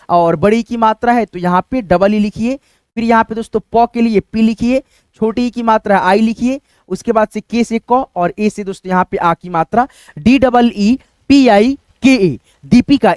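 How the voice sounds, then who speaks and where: A man's voice: high voice, moderate pace, smooth, dry recording. A male teacher explaining spelling step by step, calling his viewers friends over and over. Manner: steady explaining, repeats "dosto" constantly. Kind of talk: screen-recorded spelling lesson.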